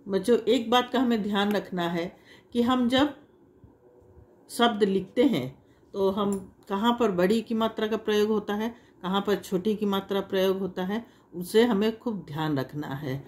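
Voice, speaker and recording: A woman's voice: mid-range voice, normal speed, a little mellow. A woman teaching a language lesson to children, explaining patiently with repeated examples and drawing out vowel sounds to demonstrate them. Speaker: Hindi teacher.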